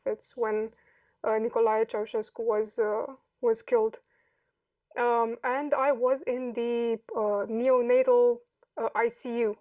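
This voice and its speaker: A woman in her thirties from Romania, answering interview questions slowly and with care, pausing often to find her words. Her voice sits fairly high but stays flat and even. It sounds dry and set back from the microphone. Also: dry recording, recorded from a distance. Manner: thoughtful, hesitant, many pauses and fillers. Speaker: podcast guest.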